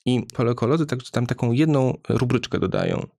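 A man's voice: medium pitch, huge pitch swings, a little fast, gravelly, a little mellow, no echo. A man, a guest researcher, explaining at length and frankly in a conversational studio interview.

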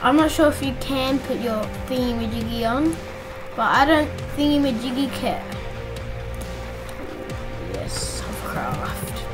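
A woman giving casual, excitable gameplay commentary as a YouTuber at home, chatting and squealing when things get thrilling. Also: high-pitched, measured pace. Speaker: gaming YouTuber. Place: home room with the door shut. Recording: clear game music underneath. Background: game music.

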